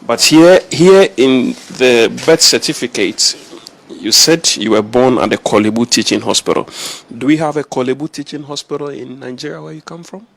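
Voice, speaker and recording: A man's voice: medium pitch, lively intonation, normal speed, vocal fry. A man working as a news reporter, insistently grilling a suspect in a confrontational interview. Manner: pointed, insistent questioning.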